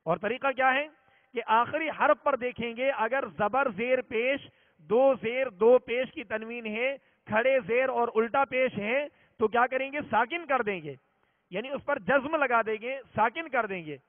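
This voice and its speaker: High-voiced man teaching over tinny audio. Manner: patient, repetitive explaining, slows to sound out examples. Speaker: Quran reading teacher. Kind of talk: religious reading lesson. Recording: tinny phone-like audio, long reverb.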